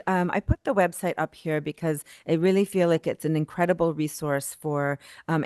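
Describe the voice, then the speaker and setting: A woman's voice: low voice, a little mellow, clear, resonant tone, no echo, clean studio sound. A woman speaking in front of an audience as a panel moderator, introducing speakers and a discussion.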